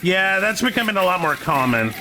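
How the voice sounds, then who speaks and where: A man from Canada chatting casually on a stream, opinionated and halting, restarting his sentences often, with faint game music behind. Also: high-pitched, big pitch swings, background noise. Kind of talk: casual chat.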